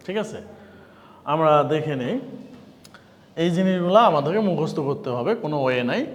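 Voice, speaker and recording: A man's voice: on the high side, lively intonation, moderate pace, big-room sound. A man with a Bangladeshi accent giving a grammar lesson, asking the class questions and answering them himself. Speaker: English teacher.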